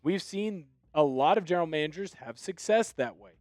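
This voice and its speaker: A young man with a fairly high voice hosts a solo sports commentary video, giving firm opinions at a normal speed and sometimes breaking into animated excitement. The recording is dry and close, with no room echo.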